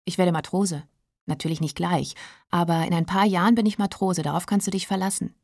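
A woman reading aloud as a cheerful fifteen-year-old boy, teasing and easygoing, with a low, dark, gravelly tone. The sound is dry and close. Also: fairly even intonation, a little fast, no echo. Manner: bouncy, teasing.

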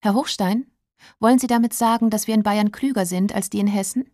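A woman's voice: medium pitch, lively intonation, normal speed, gravelly, mellow, husky, no room sound, clean studio sound. Woman voicing a bitter lonely schoolgirl. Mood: defiant. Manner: bitter, tense. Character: lonely, bitter teenage schoolgirl, quietly defiant.

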